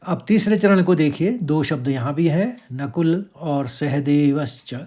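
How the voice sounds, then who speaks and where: Slow-chanting high-voiced man teaching Sanskrit. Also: warm tone, slightly rough. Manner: slow drawn-out chanting alternating with quicker explanation. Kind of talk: explaining and chanting verse pronunciation.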